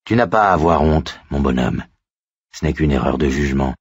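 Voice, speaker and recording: Man doing a gruff, kindly old cop. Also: extremely low pitch, animated, moderate pace, no room sound, dull audio, voice pushed down, full character voice. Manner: gruff, fatherly.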